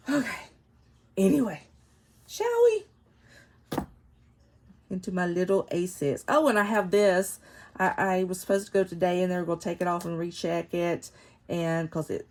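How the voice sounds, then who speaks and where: Sitting in a chair at home, a planner vlogger in her fifties rambles chattily and laughs a lot despite a cold that makes her sound nasal and stuffed up. Her voice is lowish, gravelly, and darkish. Faint neighborhood construction noise sits in the background.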